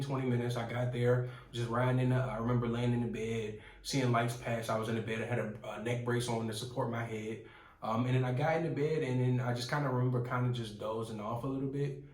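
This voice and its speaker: A man in his twenties giving an earnest, rambling personal testimony with frequent restarts. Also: mid-range voice. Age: 20s. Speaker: testimony speaker. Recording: roomy, from some distance.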